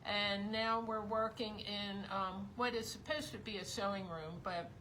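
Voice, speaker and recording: Chatty woman with a bright, tense voice. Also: mid-range voice, fairly even intonation, measured pace, a little hiss or hum, poor audio. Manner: chatty, rambling, teases her husband with laughs. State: slightly losing her voice. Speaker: craft show co-host. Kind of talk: casual live-stream chat. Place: basement tavern room of a house.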